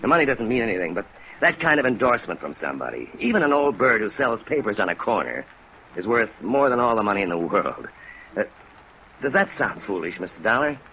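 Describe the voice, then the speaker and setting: Low bright male voice, big earnest American claims man, discouraged, halting, vintage radio drama with rain behind. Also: very animated, slight background noise, exaggerated voice, poor audio. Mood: earnest, weary. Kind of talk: 1950s radio drama acting.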